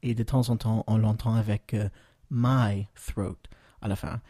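American man teaching, dark dry voice. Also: fairly low pitch, level tone, dry recording. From United States. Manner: patient, hesitant with many fillers, slow model phrases. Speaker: English teacher, podcast host. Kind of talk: bilingual podcast lesson.

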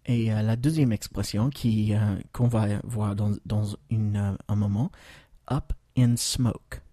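An American man hosting a podcast lesson, patient and hesitant, with many fillers and slow, carefully spoken model phrases. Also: lowish voice, steady tone, mellow, no room sound, clean studio sound. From United States. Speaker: English teacher, podcast host.

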